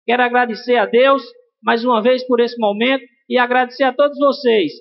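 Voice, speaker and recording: A man with a Pernambuco accent delivers an earnest political speech from an outdoor festival stage at night, speaking into a handheld mic. His voice sits very high for a man, and he leans on a repetitive rally cadence. The camera audio is muffled and lo-fi. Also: steady tone, fairly quick, creaky. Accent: Pernambuco Portuguese. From Pernambuco, Brazil. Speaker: vice-mayor giving a speech.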